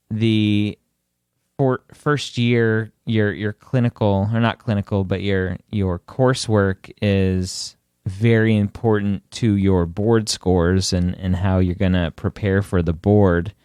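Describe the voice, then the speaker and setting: A man in his thirties co-hosting a podcast, joking and halting, often repeating words as he talks. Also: on the low side, a little mellow, clean tone, dry recording, studio quality. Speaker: podcast co-host. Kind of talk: casual podcast chat.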